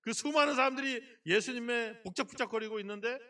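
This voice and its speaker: A senior pastor delivers a lively, fast sermon in a high, ringing voice, acting out quotes and scenes and often firing questions at the congregation. It is recorded in a church sanctuary, with his voice a little distant from the mic.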